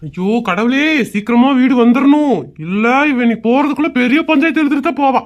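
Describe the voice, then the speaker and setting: A man's voice: very high-pitched, quick pace. A man performing a teasing, mocking husband in a comedy sketch. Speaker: comic sketch actor playing a husband. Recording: dull lo-fi audio.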